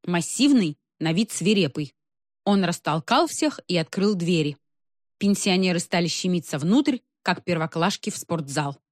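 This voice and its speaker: A woman reading a story aloud in scripted narration, with a wry, expressive delivery. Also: on the low side, moderate pace, dry recording, clean studio sound. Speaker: audiobook reader.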